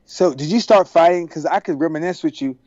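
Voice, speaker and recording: A man from Texas, a podcast guest on a video call, telling stories in a casual, animated way and acting out the dialogue. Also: on the high side, a little fast, dry recording. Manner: animated, acts out quoted dialogue. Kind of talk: casual storytelling. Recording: dry, dull video-call audio.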